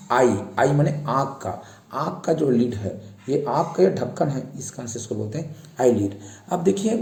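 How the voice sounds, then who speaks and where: A man teaches English vocabulary, repeating each word patiently for young learners. His voice is very dark and mellow, and the room around him gives an echo. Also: medium pitch, vocal fry. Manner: repeats each word slowly, pointing out face parts. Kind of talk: slow explanatory lesson for children.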